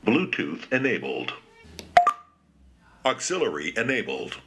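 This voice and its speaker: A man's voice: on the low side, wildly swooping pitch, takes it slowly, very noisy. A man's pre-recorded voice prompt played back from a small device, giving short clipped announcements. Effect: pre-recorded device voice prompt played through a small speaker.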